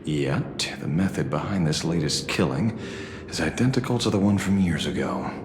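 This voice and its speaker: A deep-voiced, sardonic detective. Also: male voice, expressive, reverberant, noisy background. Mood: wry, brooding. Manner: sardonic, dramatic, deliberate delivery. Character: jaded, defiant male detective, gruff and sardonic. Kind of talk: dramatic game voice acting.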